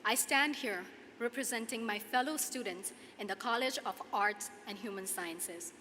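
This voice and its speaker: A young Nepali-accented woman in her 20s delivers a prepared commencement speech as a student speaker, her voice bright, fairly high and moderately paced. She stands at a podium in a large hall with audience ambience, and the echoey PA recording carries clear background noise.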